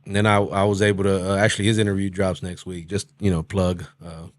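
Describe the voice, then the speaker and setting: Male host, lowish voice, dry studio-close sound, loose slangy conversational delivery. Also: little pitch movement, quick pace, no echo. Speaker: interview host. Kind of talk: casual chat.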